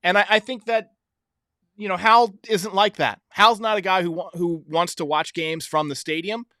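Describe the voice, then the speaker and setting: A man hosting a sports show, giving casual opinion commentary in a conversational way, thinking out loud as he goes. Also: high-pitched, steady tone, normal speed, no echo, studio quality. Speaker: sports show host answering fan voicemails.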